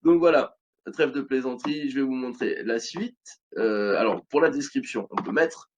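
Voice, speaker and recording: A man's voice: mid-range voice, normal speed, husky, dull audio. French man explaining a screen tutorial. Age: 30s. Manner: casual, chatty, many fillers and restarts. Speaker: online business tutorial host. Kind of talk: screen-recorded tutorial walkthrough.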